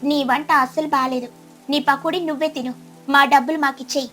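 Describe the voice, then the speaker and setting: A woman doing a loud, scolding crane. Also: high voice, steady tone, fairly quick, soft background music. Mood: angry.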